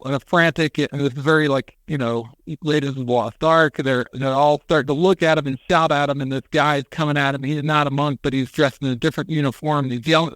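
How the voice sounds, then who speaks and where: A man on a podcast, retelling a story in casual chat, animated and acting out quotes with casual swearing. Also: on the high side, dry recording. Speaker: podcast co-host.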